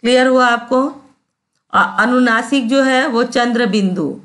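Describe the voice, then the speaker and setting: A woman teacher walks through a grammar lesson at a slow, deliberate pace. Her voice sits a little high. She repeats each sound carefully and keeps checking that her students follow. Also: a bit bright.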